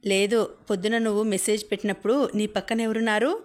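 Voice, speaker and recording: A woman's voice: mid-range voice, little pitch movement, quick pace, lightly acted. A woman voicing a playful, teasing young man in an audiobook.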